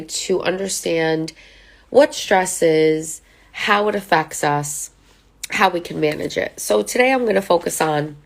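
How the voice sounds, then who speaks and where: A woman who counsels on mental health talks informally to camera from notes, her lowish voice carrying vocal fry. A sinus infection makes her sound nasal, and her conversational delivery is full of fillers and tag questions like "right?" and "okay?".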